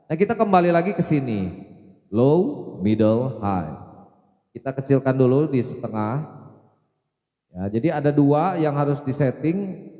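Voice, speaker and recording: A man's voice: on the high side, lively intonation, normal speed, warm tone. Man demonstrating mic settings, reverb-soaked. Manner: explains step by step, repeats test syllables into the mic. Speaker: audio tutorial presenter. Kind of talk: hands-on equipment tutorial. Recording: long reverb from an effects unit.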